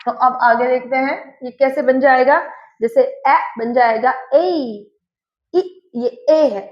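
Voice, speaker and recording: A woman with an Indian accent teaching English phonics, drilling word pairs slowly and carefully. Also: high voice, steady tone. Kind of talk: phonics lesson. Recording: echoey room, slightly dull.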